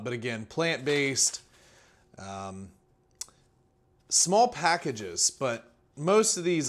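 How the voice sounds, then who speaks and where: A man's voice: medium pitch, a bit bright. Chatty man reviewing ration packs. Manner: chatty, rambling, frequent fillers and restarts. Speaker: food reviewer, channel host. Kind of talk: casual product walkthrough. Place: indoors at a table.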